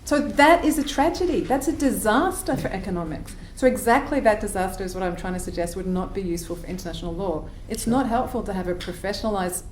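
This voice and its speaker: Woman on a panel thinking out loud, wry, asks herself questions, roomy echo and a little hiss. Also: medium pitch, expressive, fast, hardly any pauses. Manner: thoughtful, wry, argues with rhetorical questions. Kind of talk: academic panel discussion. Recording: echoey hall with faint noise.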